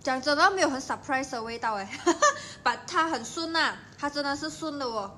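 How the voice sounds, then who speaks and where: A young woman with a Malaysian Mandarin accent hosts a casual livestream. Her voice sits high and sounds bright and forceful as she chats and teases her viewers. A faint hiss runs underneath. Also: lively intonation, moderate pace. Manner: chatty and playful, teasing viewers. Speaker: livestream host. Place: at home.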